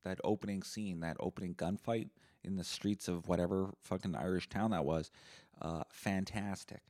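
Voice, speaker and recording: A man with a low voice hosts a solo podcast. He tells long, rambling stories full of swearing. His delivery stays deadpan. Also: moderate pace. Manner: rambling, profane, deadpan storytelling. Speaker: podcast host.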